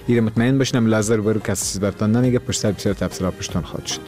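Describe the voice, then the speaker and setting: Afghan dari radio host guy, lowish voice, earnest, lecturing tone, soft music under it. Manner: earnest, lecturing about culture. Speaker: radio call-in show host. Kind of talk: radio call-in talk.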